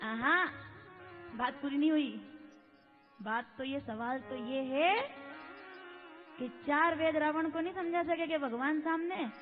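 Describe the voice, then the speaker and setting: Very high-voiced woman preacher, impassioned. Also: slow pace, pauses often, soft background music. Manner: impassioned, rhetorical questions to the audience. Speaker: kathavachak preacher. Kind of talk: devotional sermon to a large crowd. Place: large religious gathering. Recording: echoey hall with tinny, phone-like sound.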